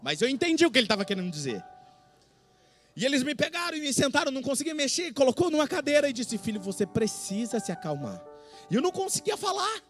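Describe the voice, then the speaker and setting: A middle-aged man with a Brazilian accent, preaching an emotional testimony sermon, swinging from hushed to shouting. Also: extremely high pitch, big pitch swings, quick pace, faint music behind. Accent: Brazilian Portuguese. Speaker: pastor. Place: church service with faint music behind.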